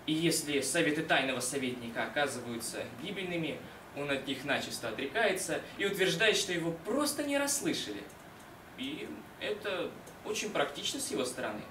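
Young man declaiming as a dreamy scholar, distant and echoey. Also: on the high side. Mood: dreamy, musing. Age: young adult. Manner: expressive, deliberate, with dramatic pauses. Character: dreamy, lovelorn, modest young male scholar in a stage play. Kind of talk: dramatic declamation, theatrical literary monologue recitation. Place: small indoor concert hall stage. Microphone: far camera. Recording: roomy, distant mic, noisy hall.

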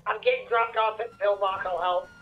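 A woman's voice: sits high, moderate pace, lo-fi sound, a little hiss or hum. A woman playing a casual, practical police officer in an online role-play game, on a thin voice channel.

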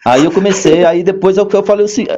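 A man telling his story as an interview guest in a relaxed way, acting out what people said. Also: fast talker, muffled recording. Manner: animated storyteller, acts out quoted dialogue with big pitch jumps. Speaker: guest, court clerk.

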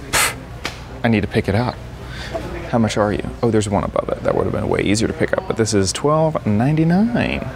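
A man vlogging casually as he walks through a large indoor antique mall, excitable and exclaiming often, recorded on a handheld camera. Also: on the low side, noisy background. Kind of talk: casual walk-around vlog. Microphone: handheld camera held while walking.

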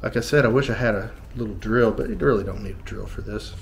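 A fast-talking American man in his fifties, his voice on the low side, hosts a vlog and demonstrates DIY in a small tiled living room. His chatter is folksy and jokey, full of thinking aloud. Sound comes from a handheld action camera at varying distance, in an echoey room with clear background noise.

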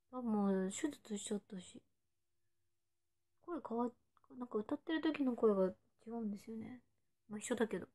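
A woman in her twenties, an idol chatting casually on a livestream and reading out fan comments in a playful way, sometimes dropping to a whisper. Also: sits high. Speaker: idol streaming to fans.

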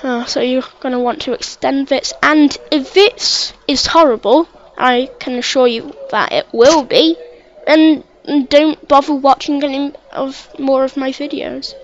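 Woman narrating her let's play, high voice, stumbles and repeats herself, dull lo-fi mic w/ faint hiss. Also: measured pace. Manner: stammering, repeats words, chats to the game. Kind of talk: casual gameplay narration.

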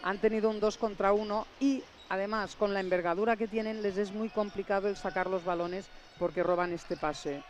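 Halting woman analyzing basketball. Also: mid-range voice, fairly even intonation, a little hiss or hum. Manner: thoughtful, halting analysis with many fillers. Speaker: color commentator.

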